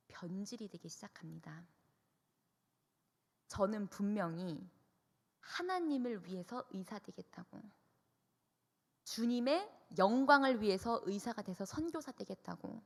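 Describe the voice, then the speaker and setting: A young woman youth minister giving an emotional testimony sermon, telling her story with animated, expressive delivery. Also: mid-range voice, vocal fry, in a large hall. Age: young adult. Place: church hall.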